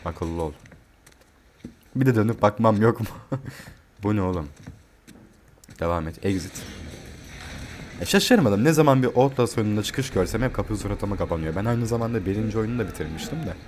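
A man playing a horror game and commenting, joking and swearing, yelling in panic when chased. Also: fairly low pitch, brisk, pauses often, a little hiss or hum. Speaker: gamer.

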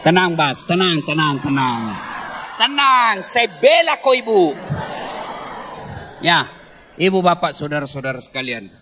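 A man preaching a lively, humorous sermon to a crowd, teasing and joking with the audience before turning earnest. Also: fairly high pitch, unhurried, long pauses, a little hiss or hum. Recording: long hall reverb.

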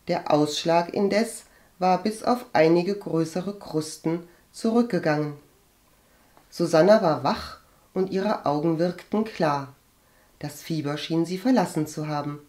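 A woman narrator reads a novel aloud, unhurried and deliberate, with a somewhat low voice. Her storytelling stays measured and even throughout. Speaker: audiobook reader. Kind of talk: scripted narration.

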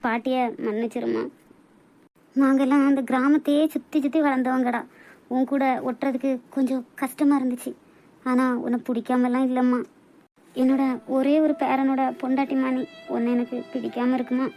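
A gentle old village grandmother, put on by a woman speaks in a cartoon with a Kanyakumari Tamil accent. Her voice is pushed lower than the young women around her but stays mellow and soft, soothing and apologetic. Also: little pitch movement, normal speed. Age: older.

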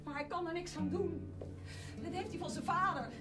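Actress as a sharp, defensive sister. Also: female voice, extremely high pitch, moderate pace. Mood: pleading. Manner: curt, sarcastic, commanding. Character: sharp-tongued woman, defensive, protecting her abuser. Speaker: stage actor. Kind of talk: live stage drama. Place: theatre stage. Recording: echoey theatre from far off, music.

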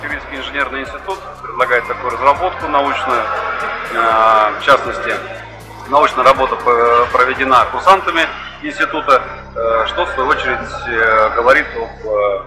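A man's voice: mid-range voice, normal speed, over music, poor audio. Hesitant man explaining at an expo. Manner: hesitant, many filler sounds and restarts. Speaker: exhibitor presenting a device. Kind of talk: off-the-cuff explanation. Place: large indoor expo hall.

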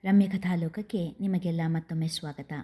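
Mellow-voiced woman narrating a serial story. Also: on the low side, fairly even intonation, fairly quick. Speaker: storyteller and channel host.

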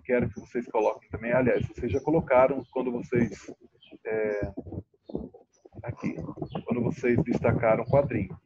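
A man's voice: mid-range voice, fairly even intonation. Patient male teacher on a muffled call. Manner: patient, drawn-out syllables, checks in often. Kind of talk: online class teaching. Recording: muffled lo-fi audio, faint noise.

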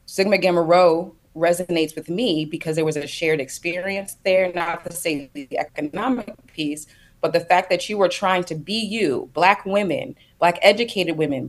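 A woman from the United States with a lowish voice speaks at a moderate pace as a panelist on a video call. She is thoughtful and reflective, building her points in loose phrases during a panel discussion.

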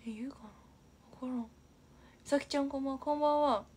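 A woman's voice: high-pitched, fairly even intonation, fast talker, darkish tone. A young woman from Aichi hosting a casual livestream, chatty and giggly, reading viewer comments aloud and often dropping to a near-whisper. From Aichi, Japan. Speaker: idol livestream host.

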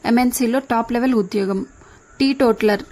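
A woman's voice: on the high side, normal speed, a little mellow, natural voice. A woman reading as a teasing young sister. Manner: chatty, teasing.

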